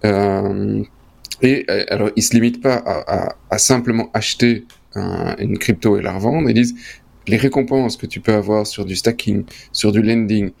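A man's voice: fairly low pitch, normal speed, gravelly, a little mellow. A man, co-hosting a casual podcast chat and rambling along with lots of slang and fillers. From Belgium. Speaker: co-host.

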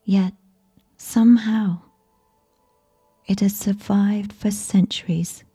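A woman narrating a bedtime sleep story in a soft, soothing, whispery ASMR voice, breathy and right in the listener's ear. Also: medium pitch, fairly even intonation, faint music behind. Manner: slow, soothing, gentle.

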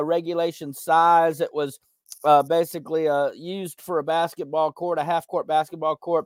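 Man guest on a podcast, earnest and reflective, slightly high voice, dry close mic. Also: dry recording. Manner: earnest, reflective, many fillers like "you know". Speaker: podcast guest, veteran and content creator. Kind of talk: candid conversational interview.

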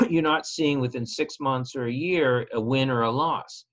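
A man's voice: medium pitch, a bit bright. Earnest man, slightly dull recording. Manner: earnest, measured, repeats opening words. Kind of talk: conversational interview.

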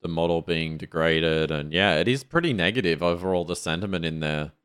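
A man with a very deep, low voice co-hosts a tech podcast. He speaks in a relaxed, measured way and sometimes reads passages aloud. The talk stays casual and unhurried. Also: smooth. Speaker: podcast co-host.

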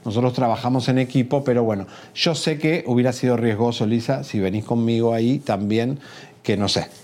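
A man's voice: mid-range voice, brisk, a little mellow. A man co-hosting a gossip show, joking as he tells a story in casual chat. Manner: jokey, storytelling.

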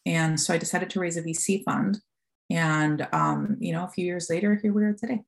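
A woman's voice: fairly low pitch, fairly quick, gravelly. A woman in her forties from Costa Rica, a fund founder telling her story as a podcast guest in a candid, filler-filled way. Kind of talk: podcast interview.

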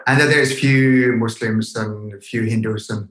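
Unhurried and steady in tone, a fairly low-pitched, fairly bright voice belongs to a yoga teacher from Finland in his fifties. Appearing as a podcast guest in an unscripted conversation, he answers hesitantly in a Finnish accent, hunting for the right words, with a roomy echo on his voice.

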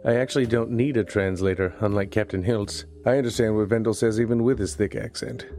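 A man narrating and voicing a private investigator in a noir audio drama, with a dry, deadpan wit. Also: on the low side, brisk, soft background music.

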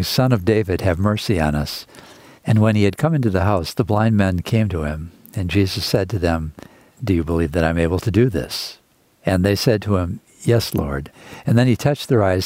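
Man, podcast co-host, somewhat low voice, steady reading, dry close mic. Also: no room sound. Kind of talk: conversation and scripture reading.

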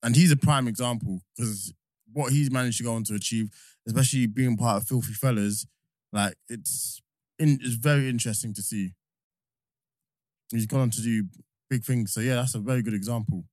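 A man's voice: medium pitch, normal speed, a little mellow, no room sound. A young man with a London accent, hosting a casual podcast chat in slangy, agreeable talk. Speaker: podcast host.

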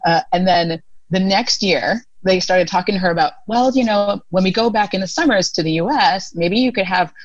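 An American woman in her thirties, guesting on a podcast, tells stories casually with plenty of fillers and frequent laughter. Her voice is medium-pitched and moderately paced, and the recording is dry and lo-fi.

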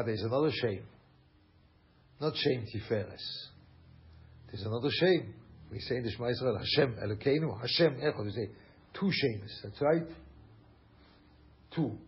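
A man from Switzerland gives a Torah lecture in a mid-range voice, speaking animatedly and repeating phrases while mixing in Yiddish and German words. The recording is muffled.

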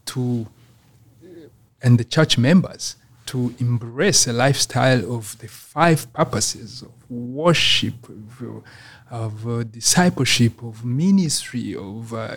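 A middle-aged man with a Rwandan accent, speaking as an interview guest in a measured way with many fillers. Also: medium pitch. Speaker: church missions coordinator.

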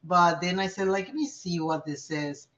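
A middle-aged woman, born in New York and raised in Puerto Rico, chats casually as a podcast guest in an interview, laughing often; she works as a community organizer. Her voice is lowish and a bit bright, with a steady tone and measured pace. The audio is slightly dull and lo-fi.

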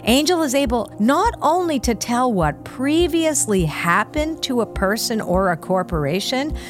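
A woman's voice: fairly high pitch, very animated, unhurried, faint music behind. A woman hosting a podcast, introducing her guest and asking questions with enthusiastic emphasis. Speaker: podcast host.

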